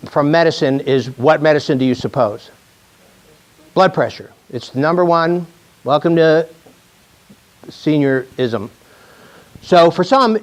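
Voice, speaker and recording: A man in his sixties, a chiropractor giving a joking, chatty talk to a live audience, often restarting his sentences. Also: fairly high pitch. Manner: chatty, self-mocking, with many restarts.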